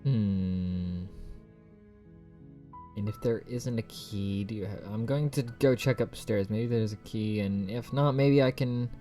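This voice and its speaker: A man's voice: lowish voice, slow, mellow, soft background music. Playful man commentating on a game. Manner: playful, bantering with the game's characters. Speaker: gamer playing through a story game. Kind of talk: casual game commentary, reacting and reading choices aloud.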